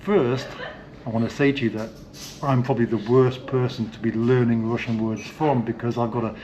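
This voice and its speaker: A British-accented man hosts a casual walking-tour vlog indoors, chatting loosely with plenty of fillers as he moves through a hotel and its sauna cellar, filmed on a handheld camera. His mid-range voice is level and dark in tone at normal speed, with the highs cut off.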